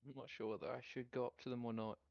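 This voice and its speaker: A man in a casual tabletop role-play, halting and naively friendly in his talk. His microphone sounds dull and lo-fi, with a very dry, close feel. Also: mid-range voice, level tone, creaky, a little mellow, dry recording. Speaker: tabletop game player.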